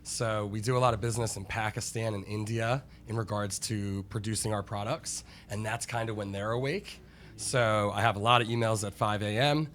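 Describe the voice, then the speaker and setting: A man's voice: lowish voice, a bit bright. A man speaking conversationally as an interview guest about his daily routine as a business owner. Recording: faint background noise.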